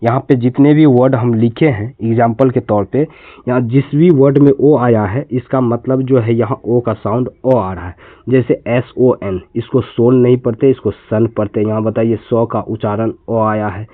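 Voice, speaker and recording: A man's voice: mid-range voice, normal speed, no echo. A man from India teaching an English reading lesson, spelling words letter by letter and repeating them patiently. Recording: tinny, phone-like lo-fi sound.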